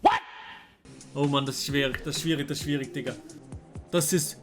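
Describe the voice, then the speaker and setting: A young man, talking casually to his chat while playing a guessing game, excitable and slangy. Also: mid-range voice, a little fast. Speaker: streamer. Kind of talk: casual gameplay commentary. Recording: faint music underneath.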